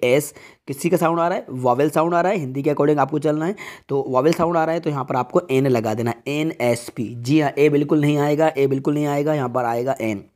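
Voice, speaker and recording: A man teaching an English grammar lesson. He reads example sentences slowly, word by word, and keeps checking in with the viewers using rhetorical questions. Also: on the high side, darkish tone. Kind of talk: explanatory online lesson.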